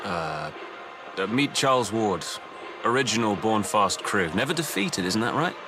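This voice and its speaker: An actor playing a smug, condescending rich rival racer in a video game, haughty and goading. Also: male voice, on the low side, big pitch swings, unhurried. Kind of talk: video game villain dialogue. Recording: loud music behind.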